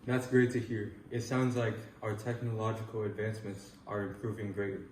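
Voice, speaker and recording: A man's voice: fairly low pitch, level tone, brisk, a little mellow, close to an everyday voice. A man playing an earnest, patriotic 1940s field reporter in a scripted news interview. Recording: echoey room with faint noise.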